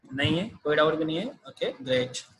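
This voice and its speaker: A man's voice: fairly high pitch, lively intonation, fairly quick, gravelly, a bit bright, slight background noise, poor audio. A man teaching a math class over a video call, explaining each step patiently. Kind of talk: online math lesson.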